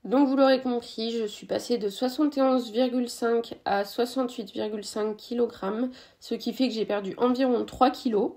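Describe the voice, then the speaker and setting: This young woman's fitness vlog is casual and explanatory, delivered in a fairly high, steady, mellow voice at a moderate pace with hardly any pauses. She chats directly to viewers, uses many fillers, and the room is echoey.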